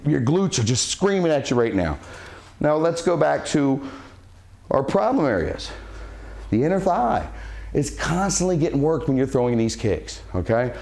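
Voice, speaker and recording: A man coaching a martial arts cardio workout, a little out of breath as he demonstrates the kicks. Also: a little high. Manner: breathes sharp huss sounds on strikes while demonstrating. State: slightly out of breath from exercising. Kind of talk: instructional workout talk.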